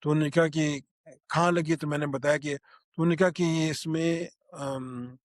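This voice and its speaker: An older man tells what he saw in a halting spoken recollection, full of restarts and pauses. His voice sits fairly high for a man. The recording is close and dry, with no room sound. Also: steady tone, dry recording. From Pakistan. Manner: halting, with many restarts and fillers. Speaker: eyewitness.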